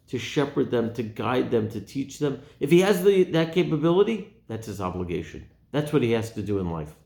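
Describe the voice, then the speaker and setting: A man teaching the weekly Torah portion in an earnest tone, posing rhetorical questions and dropping his voice on key points. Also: gravelly. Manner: earnest, asks rhetorical questions, drops low on key words. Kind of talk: Torah talk to camera. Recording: echoey room.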